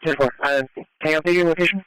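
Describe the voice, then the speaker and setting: A man's voice: fairly high pitch, steady tone, very fast, fairly bright tone, clean tone, no echo, low-quality recording. A man speaking in terse, coded exchanges over a two-way police radio.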